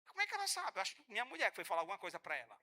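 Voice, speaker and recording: A man preaching a sermon in church, animated and joking with the congregation, often acting out the voices of church members. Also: sits high, racing, slight background noise. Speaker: pastor.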